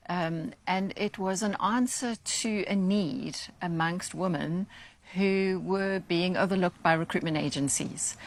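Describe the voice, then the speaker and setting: A woman speaking as an interview guest, explaining findings in a measured, articulate way. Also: lowish voice.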